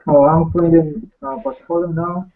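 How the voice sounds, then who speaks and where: A man's voice: a little high, lively intonation, unhurried, gravelly. A man answering briefly and hesitantly as a guest over a poor-quality microphone. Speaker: guest aspiring artist. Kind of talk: casual chat on a call. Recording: poor microphone, dull with faint hiss.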